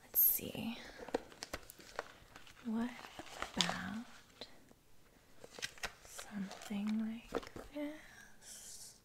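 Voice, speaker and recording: A young woman gives a whispered role-play as a sassy makeup artist with a Valley Girl accent. She speaks very slowly in a soft whisper, chatty and full of compliments, with little affirming murmurs, close to the mic. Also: on the high side, lively intonation. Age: young adult. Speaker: ASMR performer playing a makeup artist. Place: small furnished room, indoors. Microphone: close microphone.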